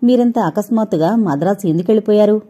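A woman voicing a young woman who speaks quietly and warily on the phone, then turns sharp and accusing. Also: mid-range voice, fast, breathy edge, natural voice. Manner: quiet, guarded, turning sharp.

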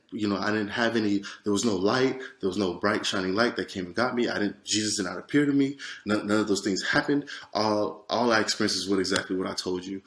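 A man giving a personal testimony, retelling it earnestly and haltingly with many restarts and fillers. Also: lowish voice, fairly bright tone, roomy sound.

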